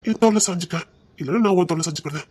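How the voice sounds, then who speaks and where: A man's voice: high voice, very fast, a little mellow, husky, no echo. A young man acting a devoted lover who soothes and reassures his frightened partner in a romantic drama. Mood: gentle, puzzled. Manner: tender, soothing, insistent.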